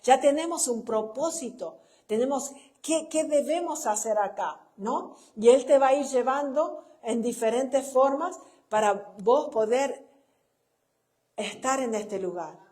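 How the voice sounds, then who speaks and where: A warm, high-sitting voice at a measured pace: a middle-aged woman with a Chilean accent, the pastor's wife, giving a conversational sermon. She relies on personal anecdotes, laughs at them herself, and habitually tags her lines with a questioning "¿no?".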